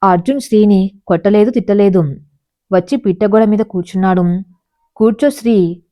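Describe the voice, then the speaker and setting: A woman narrating a scripted audio story in a slow, measured, emotional way. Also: medium pitch, steady tone. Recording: dull lo-fi recording.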